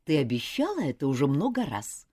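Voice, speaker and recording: A woman voicing a stern but loving mother who scolds her daughter in a firm, lively voice. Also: deep voice, brisk, husky, exaggerated voice.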